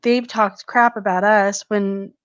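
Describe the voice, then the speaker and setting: A woman co-hosting a casual live stream chat, quick to laugh and reading out viewer comments. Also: medium pitch, level tone, clear, resonant tone, no room sound, lo-fi sound. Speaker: co-host.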